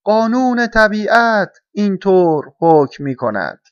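A man's voice: a little high, lively intonation, a little mellow, dry recording, pitched above the performer's own voice. A man doing a lofty old crow. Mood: insistent. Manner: lofty and insistent. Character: stern, bored old male crow. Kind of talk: storybook reading. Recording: dull, dry lo-fi recording.

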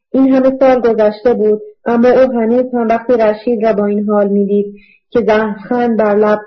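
A woman reading a novel aloud in steady, measured scripted narration, in a dull lo-fi audiobook recording. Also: mid-range voice.

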